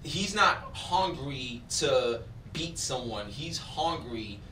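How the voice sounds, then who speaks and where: Hyped male interviewer, forceful bright tone, echoey room, mic set back. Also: medium pitch, slow, far from the mic, a little hiss or hum. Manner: excitable, shouts when amazed.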